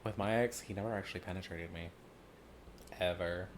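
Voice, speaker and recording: A young Southern US woman co-hosts a podcast, telling frank stories bluntly in casual chat and laughing often, her pitch swinging widely. She talks briskly, with a crowd audible in the background.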